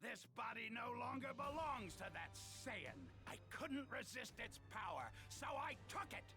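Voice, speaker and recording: A man's voice: very high voice, big pitch swings, a little slow, vocal fry, sharp tone, soft background music, heavily acted. A man voicing a boastful, theatrical alien villain commander in an anime game. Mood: smug, menacing.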